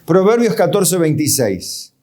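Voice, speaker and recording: Animated Argentine pastor preaching. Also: male voice, fairly high pitch, unhurried. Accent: Argentine Spanish. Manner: conversational preaching, rhetorical questions, chuckles. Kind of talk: sermon.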